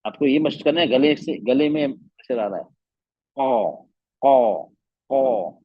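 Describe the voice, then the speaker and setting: Man teaching with slow, repeated sounds. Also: medium pitch, no room sound, dull audio. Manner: patient, repeats letter sounds as demonstrations. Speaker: Quran recitation teacher. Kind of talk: online class teaching.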